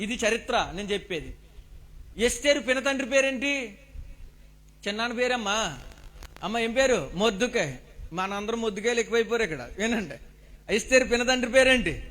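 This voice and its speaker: A man delivers a sermon in a church hall, his voice pitched very high. His tone is bright and forceful. He keeps putting questions to the congregation and presses them to shout their answers back. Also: lively intonation, fairly quick, long pauses. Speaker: preacher. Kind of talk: Telugu sermon with call-and-response questions to the congregation.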